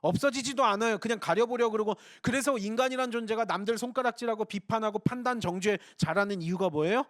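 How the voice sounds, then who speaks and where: Male preacher, urgent rapid delivery, rhetorical, dry close mic. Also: high voice, a bit bright, dry recording. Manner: earnest, rhetorical questions to the congregation. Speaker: pastor. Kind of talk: sermon.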